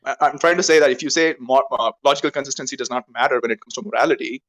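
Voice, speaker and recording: Debater, man, rapid-fire delivery, insistent, keeps tagging points with "right?", online voice chat. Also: medium pitch, steady tone, fairly bright tone, poor audio. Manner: rapid, insistent, leans on "right?" tags and logic terms.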